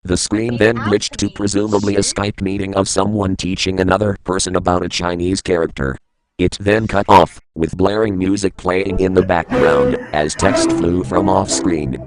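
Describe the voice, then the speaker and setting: A man's voice: deep voice, fairly even intonation, normal speed, low-quality recording. A man reading a scripted creepypasta as a first-person narrator. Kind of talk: scripted horror story narration.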